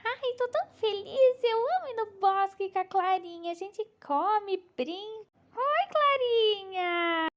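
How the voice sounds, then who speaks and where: A woman voices a sweet little girl doll in a very high, childlike tone that grows whiny and pleading, with lively intonation and heavy acting. She speaks slowly, and the recording is slightly dull with a faint hiss.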